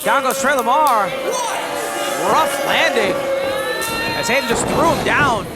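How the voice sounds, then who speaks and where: A man's voice: extremely high pitch, big pitch swings, slow pace. A man calling a pro wrestling match as a live play-by-play commentator, with an emphatic announcer delivery and clipped move calls. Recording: loud music and crowd noise behind. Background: loud music and a noisy crowd.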